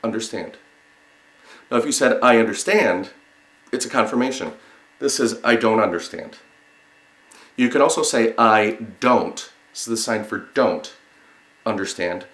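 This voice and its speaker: A man giving an instructional lesson, explaining step by step in a halting way and repeating single words with pauses. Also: on the low side, fairly bright tone. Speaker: sign language teacher. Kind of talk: instructional lesson, demonstrating word by word. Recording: roomy, echoing sound.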